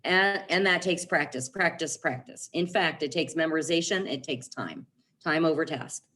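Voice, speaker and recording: A woman's voice: low voice, normal speed, bright, forceful tone. A middle-aged woman giving an upbeat, emphatic sales training talk in a training room, leaning on repeated catchphrases. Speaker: real estate team leader and trainer.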